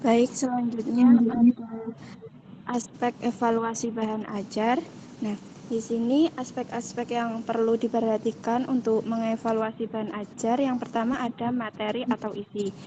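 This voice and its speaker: A young woman explains her section of a class presentation in her own words, with small fillers along the way. Her voice sits a little high, and steady noise runs behind her. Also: normal speed, lo-fi sound. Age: young adult. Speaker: student presenter. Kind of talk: explaining lesson material. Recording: noisy classroom recording.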